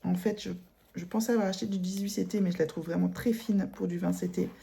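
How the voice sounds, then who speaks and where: Chatty French woman, mellow voice. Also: lowish voice, fairly even intonation, fast, creaky. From France. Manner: chatty, rambling, many fillers and self-corrections. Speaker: cross-stitch vlogger. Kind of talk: casual chat showing embroidery.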